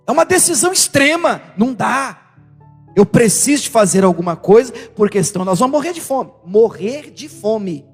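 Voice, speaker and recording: A Brazilian pastor with a strikingly high voice preaches with animated emphasis, firing rhetorical questions at the congregation. His words ring through a church hall with a long reverb, and soft music plays behind him. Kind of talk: sermon.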